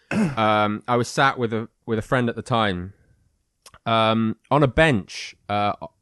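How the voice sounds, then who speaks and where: A man's voice: lowish voice, takes it slowly, a bit bright, clear, resonant tone, no room sound, clean studio sound. A young man co-hosting a podcast, drunk, telling stories with lots of hesitation. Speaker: podcast co-host. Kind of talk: drunk casual storytelling.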